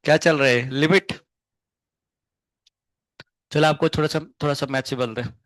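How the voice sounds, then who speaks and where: A male physics teacher giving a live class lecture, firing quick questions at his students and explaining step by step. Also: fairly high pitch, steady tone, a bit bright, no echo. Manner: chatty, scolding then explaining, asks students many quick questions; hums tunes to show wave shapes.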